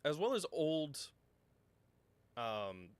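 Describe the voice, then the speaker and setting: A man narrating a tabletop game as game master, halting and full of ums and self-corrections. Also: on the high side, sing-song, clear, resonant tone, no echo.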